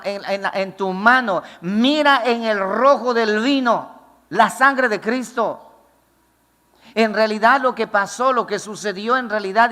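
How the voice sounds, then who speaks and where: A man's voice: high voice, sharp tone, in a large hall. A male pastor preaching a fervent, emphatic sermon to a congregation in a church.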